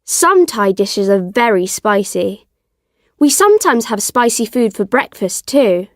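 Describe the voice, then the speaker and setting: A woman reading the part of a cheerful young girl in a slow, careful textbook style for learners. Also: medium pitch, big pitch swings, dry recording, studio quality. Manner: slow, lilting textbook delivery.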